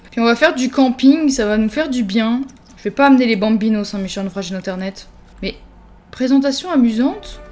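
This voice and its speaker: A young woman giving excitable let's-play commentary on a life-simulation game, teasing her characters and erupting into mock-dramatic panic. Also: high voice. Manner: animated, exclamatory, mock-dramatic; teasing, self-mocking asides. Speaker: gaming video host.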